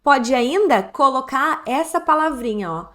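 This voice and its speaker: A Brazilian woman with a fairly high voice gives an online English lesson in Brazilian Portuguese. She explains each point step by step, slowing down to say English phrases clearly so learners can repeat them. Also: expressive, sharp tone. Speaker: English teacher.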